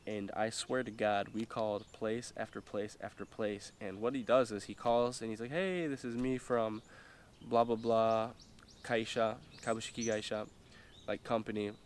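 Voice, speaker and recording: Indoors and eating while he talks, a young vlogger with a stuffy, nasal voice from a cold casually tells a rambling story full of fillers and slang. His voice sits on the low side, with a steady tone and moderate pace, over slight background noise.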